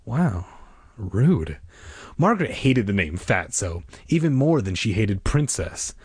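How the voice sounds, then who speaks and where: A man's voice: on the low side, sing-song, normal speed, husky, dry recording, studio quality. A man reading a children's book aloud in a playful way, tossing in wisecracks between passages. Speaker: reader.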